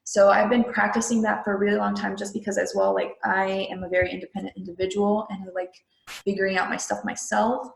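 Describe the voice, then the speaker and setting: A woman's voice: mid-range voice, flat delivery, quick pace, vocal fry, roomy sound, rough recording. A young adult woman from Peru, a guest in a casual interview, talking chattily with many fillers like "like" and "you know".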